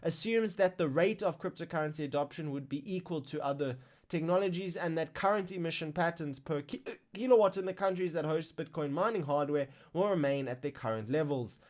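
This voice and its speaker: A man hosting a live crypto news stream, reading market figures in a casual, excitable way while fighting the hiccups. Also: a little high, brisk. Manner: excitable, exclaims over numbers.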